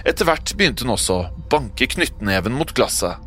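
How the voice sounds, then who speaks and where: A man's voice: mid-range voice, very animated. A man reading a first-person horror story aloud, telling it expressively. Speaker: narrator. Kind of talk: scripted horror narration. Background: soft music.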